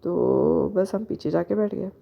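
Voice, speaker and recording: A young woman telling a personal spiritual story, hesitant and pausing often with fillers. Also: medium pitch, creaky. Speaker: spiritual vlogger. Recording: dull lo-fi recording.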